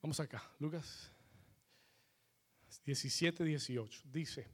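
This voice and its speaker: Slow, emphatic preaching man. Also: on the high side, slightly rough. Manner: preaches with call-and-response, rising to shouts. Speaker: pastor. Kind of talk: bilingual sermon.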